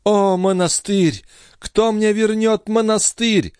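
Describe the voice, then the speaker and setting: A man voicing a desperate, defiant young woman held captive, crying out and pleading in high, strained outbursts. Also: lively intonation, moderate pace, no room sound, studio quality, natural voice. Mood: despairing. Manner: sobbing, pleading, shrill outbursts.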